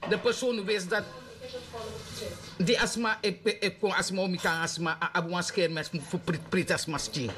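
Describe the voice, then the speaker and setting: A man's voice: high voice, fairly even intonation, moderate pace, bright, forceful tone, a little hiss or hum. A man with a Surinamese Dutch accent chatting casually on radio, often agreeing and echoing the other speaker. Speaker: radio co-host or studio guest. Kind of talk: casual chat.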